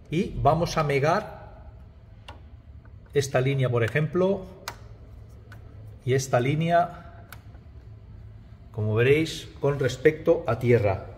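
In this clip the same middle-aged electrician sounds a little high and a little mellow, with slight background noise. He's filming first-person on a body-worn camera in a small restaurant back room, chatting to viewers as "chicos," repeating himself and tossing in frequent "¿vale?" while explaining his job.

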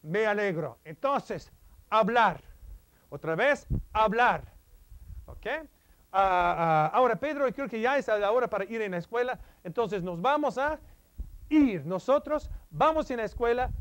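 A man's voice: sits high, sing-song, unhurried. A man teaching a vocabulary lesson who acts out each action, then has the class repeat the verb after him, with a few small stumbles. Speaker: language teacher. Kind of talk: vocabulary lesson acting out verbs.

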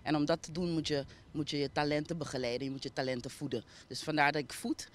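A Surinamese-accented woman with a deep voice and fairly even intonation speaks quickly as an interviewee, the founder of an arts foundation. Outdoors by a street, she gives reflective, explanatory answers into a handheld mic, mixing in English words amid outdoor ambient noise.

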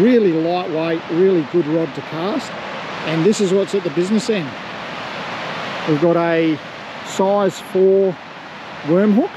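A middle-aged man talking casually about fishing on an open beach, recorded on a handheld camera. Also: high-pitched. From Australia. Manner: excited outdoor commentary, loose and chatty. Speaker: fishing vlogger. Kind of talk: casual running commentary. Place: open ocean beach outdoors. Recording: loud surf and wind noise. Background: crashing waves and wind.

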